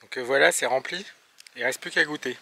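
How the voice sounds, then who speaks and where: A man's voice: mid-range voice, brisk, creaky, sharp tone. A man chatting casually on a travel vlog, hesitant, with many fillers and restarts. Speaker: travel vlogger.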